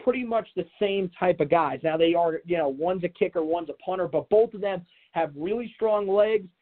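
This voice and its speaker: Hosting a sports podcast solo, a man talks casually and off the cuff, rambling and repeating fillers like "you know". His voice is high-pitched at normal speed, with tinny, narrow, phone-like sound.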